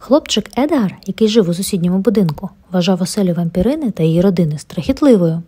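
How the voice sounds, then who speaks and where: A woman reading a children's bedtime story aloud, gentle and expressive. Her voice is breathy and mellow, with a lively melody. She sits at a middle pitch for a woman. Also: fast talker.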